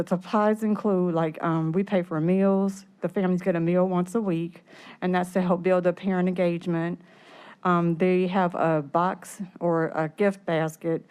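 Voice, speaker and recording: A woman speaking through a face mask, a little short of breath, giving halting explanations at a public meeting. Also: lowish voice, darkish tone, clear, resonant tone. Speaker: program staff presenter at a committee meeting.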